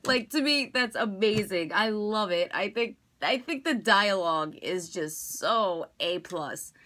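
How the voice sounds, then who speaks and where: Bright-voiced chatty woman reviewing a movie. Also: mid-range voice, expressive, measured pace. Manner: enthusiastic, chatty, filler-heavy. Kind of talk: casual spoken movie review.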